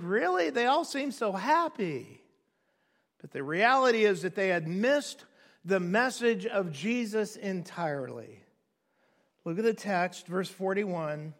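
A man, preaching a sermon as pastor in a conversational, animated way with quick asides. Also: sits high. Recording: long hall reverb.

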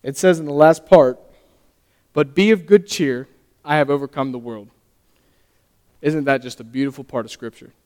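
Young male lay preacher, earnest and halting, smooth higher voice, long hall reverb. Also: darkish tone. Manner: earnest, halting, stumbles and restarts. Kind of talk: sermon.

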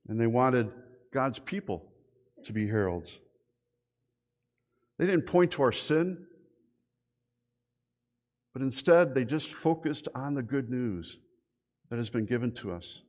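Animated middle-aged pastor preaching. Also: male voice, mid-range voice. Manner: animated storytelling with rhetorical questions. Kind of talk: sermon.

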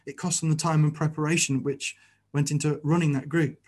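Pastor, man with a fairly high voice, earnest sermon delivery, keeps asking the congregation tag questions. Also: flat delivery, fairly quick, darkish tone.

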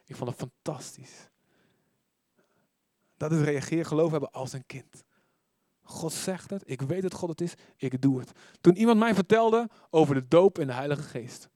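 A man preaching a sermon, telling stories in a lively way that moves from loud exclamations to soft whispers. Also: on the high side, moderate pace, no echo, studio quality.

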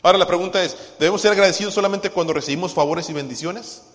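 A man's voice: high voice, racing, fairly bright tone. Male pastor preaching with a raised voice, asks the congregation questions and sings a few hymn lines, echoey church hall. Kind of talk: sermon.

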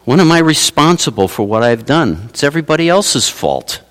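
A man preaching a sermon as pastor, swinging from hushed asides to loud exclamations. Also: fairly high pitch, big pitch swings, normal speed. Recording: long reverb of a large hall.

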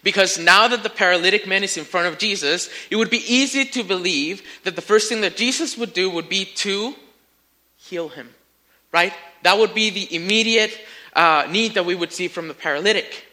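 A man preaching a sermon, telling a story with lively emphasis and speaking to his listeners as friends. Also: high-pitched, moderate pace. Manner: animated storytelling, rising to near-shouts in acted quotes.

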